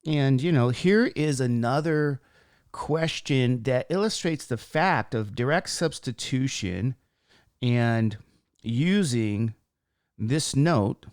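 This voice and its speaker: A man with a slightly squeaky voice teaching math informally, talking through each step and posing questions he then answers himself. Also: animated, takes it slowly, dry recording, clean studio sound. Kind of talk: informal worked-example lesson, thinking aloud.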